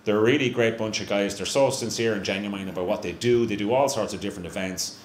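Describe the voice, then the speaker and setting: Speaking quickly in a fairly low voice, a middle-aged Irishman representing a brewery makes casual conversation on stage as a guest. He keeps mocking himself and starting his sentences over. A handheld mic on a stand picks him up in a small live venue whose echo and faint hum are audible.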